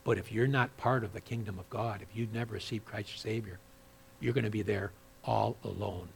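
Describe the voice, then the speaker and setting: A man preaching a sermon as pastor, dropping to quiet asides and then rising loud and high when he reads scripture aloud. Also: fairly even intonation, fairly quick, creaky, a little hiss or hum. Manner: swings from hushed asides to loud, high-pitched emphatic scripture reading.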